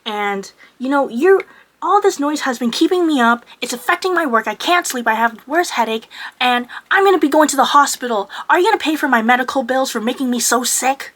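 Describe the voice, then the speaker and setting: A young woman voicing a shrill older woman neighbor who complains and accuses. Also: very animated, moderate pace, fairly bright tone. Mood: accusing. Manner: accusing, raised and indignant.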